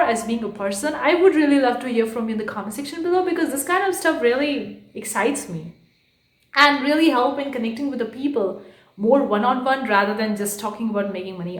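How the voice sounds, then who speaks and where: A woman's voice: high voice, echoey room. A woman talking to her viewers in a casual vlog from her bedroom, chatty and rambling, often saying "guys". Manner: says she speaks too fast. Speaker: art vlogger and online entrepreneur.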